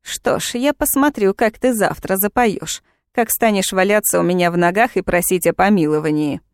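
A woman voicing a pompous, fanatical male witch-hunter who jails a witch, hissing and turning shrill when angry. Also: unhurried, a little mellow, no echo, clean studio sound. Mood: furious.

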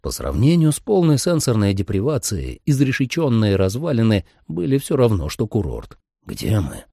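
A man's voice: medium pitch, wildly swooping pitch, moderate pace, vocal fry, dark tone, slightly rough, dry recording. A man reading a first-person audiobook with a dry, wry telling. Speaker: audiobook narrator.

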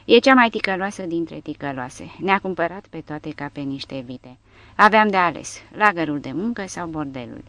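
A woman's voice: lowish voice, lively intonation, fairly bright tone, dry recording. A woman reading the part of an angry young captive woman, bitter and accusing, in an audiobook. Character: angry young woman prisoner demanding revenge.

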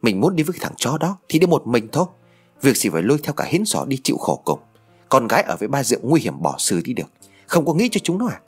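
A short-tempered husband snaps and scolds, as a male narrator puts him on. The voice leaps up and down in pitch with a faint husk. Quiet music plays under this audio story. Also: big pitch swings, fast talker, husky. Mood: furious. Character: angry husband, middle-aged man, short-tempered.

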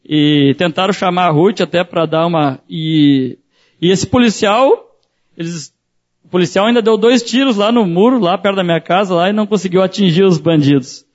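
A man's voice: high voice, moderate pace, muffled recording. A man preaching as a pastor, telling a personal story in a sermon and acting out the voices in it.

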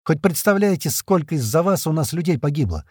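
A man's voice: fairly high pitch, animated, fairly quick, darkish tone, husky, dry recording, clean studio sound, pitched above the performer's own voice. A man reading the part of a bitter soldier who hurls accusations and sarcasm. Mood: accusing.

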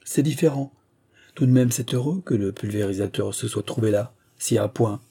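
A man voicing a spirited young woman, talking quick and emphatic in a raised voice. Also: medium pitch, mellow, slightly rough. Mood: reassuring.

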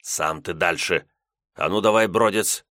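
A man voicing a bossy young fisherman lad in an audiobook, giving commands in a sharp whisper. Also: sits low, unhurried, no echo, studio quality.

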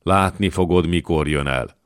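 A man's voice: low-pitched, clean tone, no echo, clean studio sound, close to an everyday voice. A man voicing an unseen prophetic voice from the abyss in a storybook reading, murmuring ominously.

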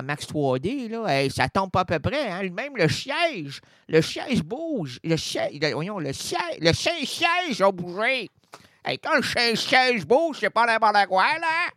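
Man, Quebec French accent, manic rambling monologue, wildly swinging pitch, dry close sound. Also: no room sound. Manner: manic, rambling, swings between loud outbursts and mutters. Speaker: radio comedian. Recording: dry radio studio.

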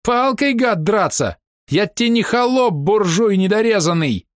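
A man's voice: expressive, measured pace, no echo, studio quality. Man doing a brash young red-haired soldier. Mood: shrill. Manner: shouting, aggrieved, thin high voice.

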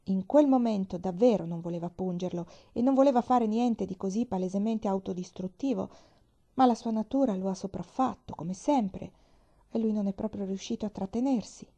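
A woman reading the part of a wise older male teacher who tells a fable slowly and with measure. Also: mid-range voice, warm tone, muffled recording, lightly acted. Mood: patient.

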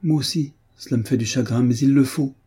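A man voicing an old grandmother who speaks gently but firmly, in an audiobook reading. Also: mid-range voice, a little fast, slightly rough, voice pushed up. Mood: gentle firm.

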